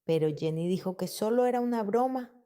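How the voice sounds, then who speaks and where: A woman's voice: mid-range voice, brisk, dark tone, clear, resonant tone, natural voice. A woman voicing a tired, dismissive middle-aged mother in a weary, brushing-off manner within a read-aloud story.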